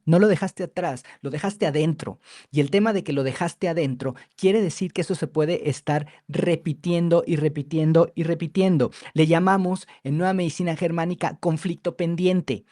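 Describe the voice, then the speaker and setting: A man's voice: fairly high pitch, mellow, dry recording, clean studio sound. A man working as a therapist, talking emphatically and repeating phrases for stress in a conversational interview. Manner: acts out clients' voices mockingly. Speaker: biodecoding therapist.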